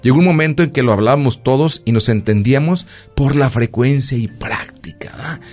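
A man's voice: medium pitch, fairly quick, soft background music. A man with a Mexican accent, a doctor hosting a casual radio chat, telling stories with lots of fillers. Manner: storytelling, animated, lots of fillers.

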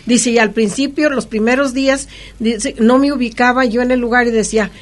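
A middle-aged Mexican woman being interviewed, telling personal stories in an animated conversational way. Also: fairly high pitch, fairly quick. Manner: animated, lively anecdotal telling with frequent laughs. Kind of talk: conversational storytelling.

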